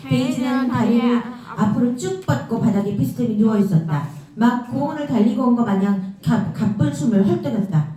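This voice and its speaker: Mellow woman reading aloud in an echoey room. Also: a little high, fairly quick. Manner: steady, storytelling. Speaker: book reader. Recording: very roomy echo, mic far off.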